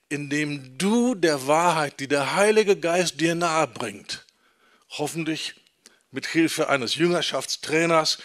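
A middle-aged man preaching a teaching sermon in a church, emphatic, slowing down and repeating key phrases for stress. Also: on the high side, fairly bright tone. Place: church hall.

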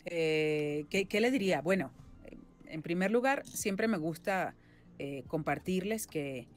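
A woman from Venezuela, a voice actress, explaining her work at length in a relaxed interview, often ending thoughts with a questioning tag. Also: lowish voice, slow pace. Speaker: voice actress and singer-songwriter, guest. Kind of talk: casual interview chat.

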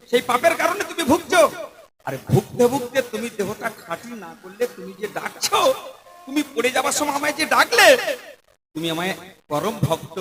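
A man voicing the god Jagannath, patiently telling a suffering devotee why he must endure. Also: high-pitched. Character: the god Jagannath, male deity, gentle and firm. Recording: live crowd audible behind.

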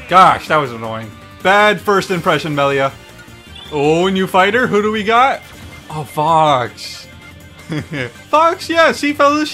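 A man giving excited, casual video game commentary, exclaiming and swearing freely as he plays. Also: high-pitched. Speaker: gaming streamer.

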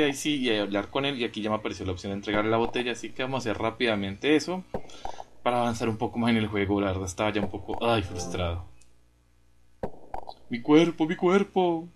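A young man hosting a gameplay video, reacting with excited groans and exclamations while reading game text aloud in casual commentary. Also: medium pitch, quick pace, slight background noise. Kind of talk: casual let's-play commentary.

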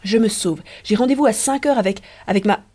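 A woman reading the part of a chatty society lady taking a breezy, hurried leave. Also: mid-range voice, dark tone, husky, pitched above the performer's own voice, natural voice.

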